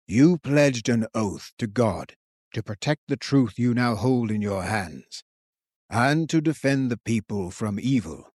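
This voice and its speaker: A man voicing an ancient resurrected king who speaks slowly and gravely in an audiobook. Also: medium pitch, animated, a little mellow, no room sound, clean studio sound. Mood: stern. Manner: slow, grave, measured. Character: ancient resurrected male king, commanding, solemn. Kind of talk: audiobook character voice.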